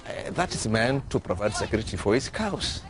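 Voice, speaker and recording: A man with a Kenyan accent explains matters in a field interview. His voice is on the low side, with the steady role of a local health worker. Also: normal speed.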